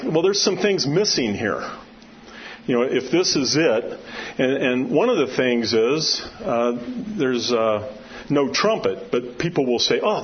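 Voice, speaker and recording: A preacher leads a Bible study in a loud, carrying voice of medium pitch, teaching scripture in an informal, conversational, emphatic style and often putting questions to his listeners. The sermon mixes scripture readings with personal asides. The recording is dull and lo-fi, with clear background noise.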